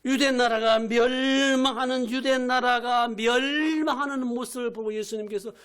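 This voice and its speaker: Older male pastor, very high voice. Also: fairly even intonation, measured pace, clean tone. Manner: emphatic, repetitive preaching with shouted quotes and rhetorical questions. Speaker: pastor emeritus. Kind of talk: sermon. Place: church sanctuary.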